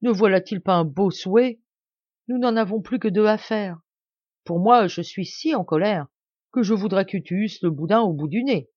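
A woman's voice: medium pitch, normal speed, darkish tone, husky, lightly acted. A woman reading a fairy tale aloud, voicing a hasty, exasperated poor peasant husband in an insistent way. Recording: dry, slightly dull home recording.

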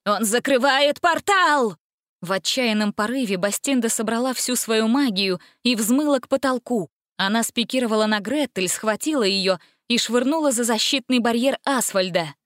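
A woman narrating a fairy-tale audiobook in an expressive, steady reading style. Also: fairly high pitch, normal speed, few pauses, no echo, clean studio sound. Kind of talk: storybook narration.

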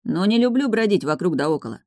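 A woman doing a cocky, smooth-talking young man. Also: fairly low pitch, very animated, fast, a little mellow, dry recording, clean studio sound. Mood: teasing, cocky. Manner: cocky, self-assured, drawling.

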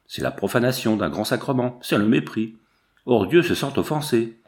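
A man's voice: mid-range voice, expressive, normal speed, darkish tone, lightly acted. A man reading aloud, voicing a stern male village priest who delivers a solemn rebuke. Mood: indignant.

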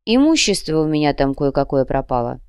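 A woman's voice: low voice, big pitch swings, brisk, darkish tone, clean tone, no echo, clean studio sound. A woman voicing a polite but menacing male demon commissar who threatens in a cold, courteous way. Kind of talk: audiobook character reading.

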